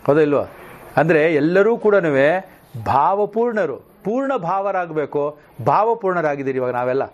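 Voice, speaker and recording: Male scripture teacher, lively questioning delivery, fairly high voice. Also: normal speed, muffled recording. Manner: animated, often asks the listeners questions. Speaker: spiritual teacher. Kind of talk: discourse on scripture.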